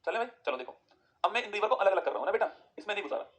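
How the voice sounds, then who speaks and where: A man teaching an exam-prep geography lesson, firing quick questions at students and answering them himself. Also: high-pitched, animated, fairly bright tone.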